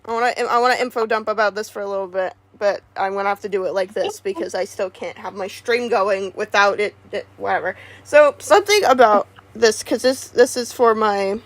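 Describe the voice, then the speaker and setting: A woman streamer in casual livestream chat, rambling and halting with many restarts. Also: medium pitch, no room sound.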